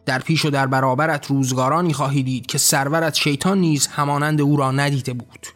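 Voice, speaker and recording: A man voicing a wrathful almighty male god on his throne, shouting commands and threats. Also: mid-range voice, fairly even intonation, faint music behind, close to an everyday voice. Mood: furious.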